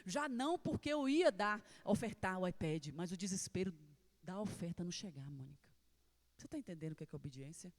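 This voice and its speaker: A woman's voice: on the low side, expressive, fairly quick. A woman with a Brazilian Portuguese accent preaching a sermon in a church, telling a personal testimony with passion. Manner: impassioned storytelling, swinging between hushed and loud.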